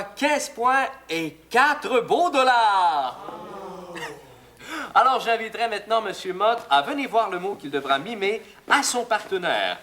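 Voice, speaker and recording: A chipper Québécois TV quiz host oozes showbiz bounce. His voice sits very high and shines bright, swooping up and down through every line of the sketch parody. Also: a little hiss or hum, heavily acted. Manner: bouncy, exaggerated showman delivery. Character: smarmy male TV game show host, chipper. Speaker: game show host. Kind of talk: sketch comedy game show parody.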